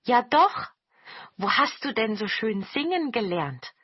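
A woman voicing a crowd of eager, flattering horned goblins in a storybook reading, with a high, loud, coaxing manner. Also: a little slow, husky, dry recording, highs cut off.

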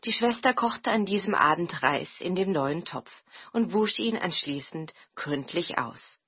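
A woman narrating a storybook in a gentle, expressive reading style. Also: fairly low pitch, measured pace, husky, muffled recording.

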